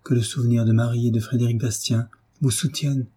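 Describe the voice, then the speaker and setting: A man's voice: medium pitch, flat delivery, fairly quick, warm tone, husky. A dying mother, pleading and tender, read by a man. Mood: tender, sorrowful. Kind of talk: audiobook reading.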